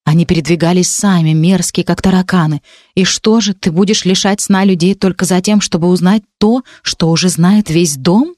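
A man's voice: high voice, normal speed, darkish tone, no echo, clean studio sound, voice pushed up, close to an everyday voice. A man voicing the hero's imperious noblewoman mother in an audiobook, haughty and reproachful.

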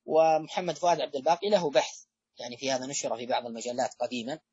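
A male lecturer delivers a measured academic talk, stopping often on long fillers and restarting his phrases. His voice is husky and slightly breathy, set close and dry with almost no room sound. The recording is a little dull and muffled. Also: medium pitch, steady tone, a little mellow, no room sound. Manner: halting delivery with frequent drawn-out fillers and restarts. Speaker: lecturer on hadith studies.

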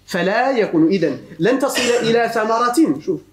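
A Moroccan man gives a grammar lesson at a quick clip, his voice rising and falling with lively swings. He keeps turning to his students with questions. The room around him rings with echo. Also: high-pitched, slight background noise. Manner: animated, questions the students, mixes classical Arabic with dialect. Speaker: religious teacher of Arabic grammar. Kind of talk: classroom lecture.

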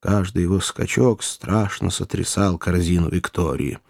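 A man reading an adventure novel aloud in an even, descriptive storytelling manner. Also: sits low, a little slow, vocal fry, no echo, studio quality. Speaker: audiobook narrator. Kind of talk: scripted audiobook narration.

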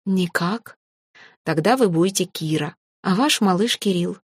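A woman voicing a huge mother dragon who coos and roars and speaks in slow, halting words. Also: on the low side, expressive, slightly rough, no room sound, studio quality. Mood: pondering. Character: huge mother dragon, stern then thoughtful.

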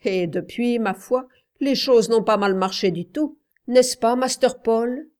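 A man's voice: very high voice, measured pace, darkish tone, pitched above the performer's own voice. A woman reading a storybook, voicing a respectful, chatty male racing groom in a slightly raised voice. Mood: eager.

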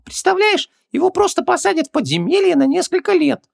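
A man voicing a servile male genie in an audiobook, with a squeaky, fawning voice. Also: sing-song, fairly quick, vocal fry, no room sound, studio quality, exaggerated voice. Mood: indignant.

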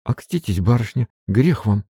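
A tearful peasant maid in her middle years, wailing in folksy, rustic speech with a high-pitched voice put on by a man with a husky, gravelly voice. Her lines come out loud and close in a dry storybook reading. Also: lively intonation, normal speed, no echo, heavily acted.

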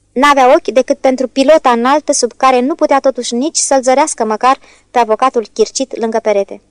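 High-voiced woman narrating an audiobook. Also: dry recording. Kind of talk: scripted narration.

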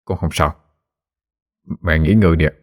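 A man voicing a poor grieving fisherman father who talks softly and stammers a little. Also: very deep voice, fairly even intonation, normal speed. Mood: reassuring. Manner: soft, stammering, subdued.

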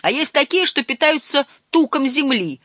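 A reader voicing a short, stout, hot-tempered old fisherman who quarrels and shouts in an audiobook. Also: high-pitched, very animated, moderate pace, dry recording, studio quality, pitched above the performer's own voice, heavily acted. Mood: cranky.

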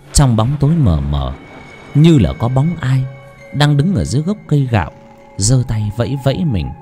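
A man's voice: mid-range voice, dark tone. A man narrating a horror story audiobook in a dramatic, suspenseful manner.

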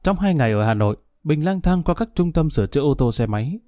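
A man narrating a story in a calm, steady storytelling voice, speeding up a little in the dialogue. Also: fairly high pitch, fast talker, no echo, studio quality. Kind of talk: audiobook narration.

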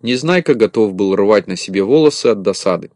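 A man reading a children's tale aloud as narrator, lively and expressive. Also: on the low side, a little fast, dry recording, studio quality.

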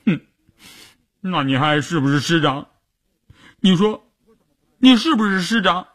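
A man voicing a crying young woman who scolds and pleads with her commander, in a sobbing, whiny way, husky and slow. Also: sits high, animated, fairly bright tone, voice pushed up, heavily acted.

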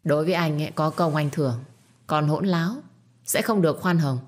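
A woman's voice: low-pitched, brisk. A woman voicing a young man, the master of the house, who speaks coldly and curtly. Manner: cold, curt, calm. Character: young male master of the house, cold and curt.

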